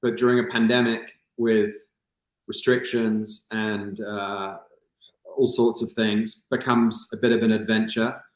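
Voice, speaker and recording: A man's voice: lowish voice, little pitch movement, unhurried, roomy sound. A man from England, a guest on a video call, talking casually with many fillers and restarts. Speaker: guest, kidney recipient. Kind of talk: casual interview chat.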